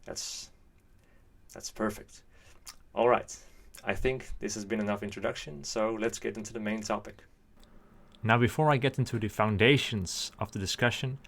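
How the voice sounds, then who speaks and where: Hosting his channel, a man in his twenties from the Netherlands delivers a scripted monologue that's earnest and cautiously hedged. His Dutch-accented voice sits on the low side, with vocal fry and a fairly bright tone.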